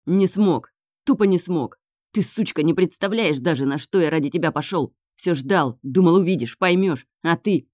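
A woman's voice: lowish voice, normal speed, dry recording, studio quality, lightly acted. Woman voicing a snarling, obsessive young man. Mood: raging. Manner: snarling, swearing, shouting outbursts.

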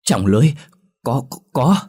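A man's voice: medium pitch, sing-song, moderate pace, dark tone, breathy edge, voice pushed up. A man voicing a terrified middle-aged village woman who shrieks and stammers. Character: panicked middle-aged village fisherman's wife.

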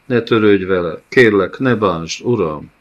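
Terrified rabbi, begging, strained and louder than the narration, put on by a male reader. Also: low-pitched, highs cut off. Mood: pleading. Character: frightened old male rabbi, desperate and pleading.

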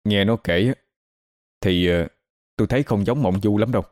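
A man's voice: on the low side, moderate pace, a little mellow, no room sound, studio quality, close to an everyday voice. A male storyteller voicing a middle-aged neighbor man who speaks with plain concern. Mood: worried.

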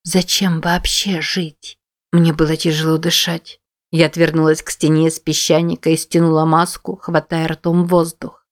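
A woman narrates a first-person story with a low voice. Her reading is measured and somber, steady through long passages. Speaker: audiobook narrator.

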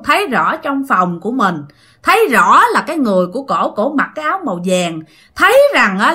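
Woman storyteller, Southern Vietnamese accent, bright and animated, dramatic and chatty with listeners. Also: on the high side, slightly rough. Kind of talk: casual ghost story telling.

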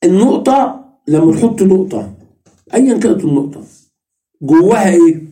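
A man's voice: high voice, expressive, normal speed, dark tone. A man with an Egyptian Arabic accent giving a religious study lesson, asking questions and answering them himself, repeating each point. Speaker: religious teacher.

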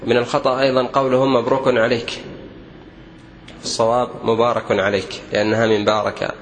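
A man teaching Arabic usage, correcting common mistakes one by one in a measured, repetitive lecturing manner. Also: mid-range voice, little pitch movement, slight background noise, rough recording. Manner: didactic, measured, repeats each correction. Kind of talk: lesson correcting common errors.

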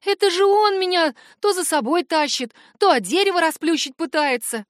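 A woman's voice: very high-pitched, normal speed, no room sound, clean studio sound, pitched above the performer's own voice. A trembling young witch, as a woman reads her. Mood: plaintive. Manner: trembling, plaintive. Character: proud young witch girl, frightened, whiny. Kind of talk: audiobook narration.

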